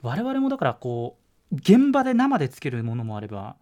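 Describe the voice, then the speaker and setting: Man, sports commentator, encouraging, chatty, fast, animated pitch. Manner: encouraging, explains at length with many fillers. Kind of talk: advice in casual chat.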